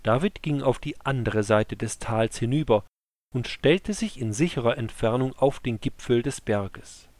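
Slow, calm male scripture narrator. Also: medium pitch, no room sound. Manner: calm, measured reading. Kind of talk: scripture storytelling.

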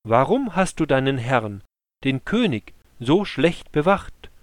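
A man's voice: mid-range voice, sing-song, slow pace, no echo. A man voicing David, earnest young warrior. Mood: pleading. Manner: raised, imploring delivery. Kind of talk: scripture storytelling.

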